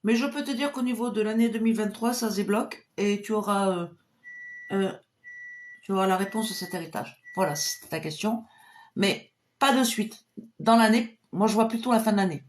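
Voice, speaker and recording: A woman's voice: medium pitch, moderate pace. Woman, clairvoyant, live-stream pendulum readings, cheerful, chatty, mid-range voice, murmured invocations.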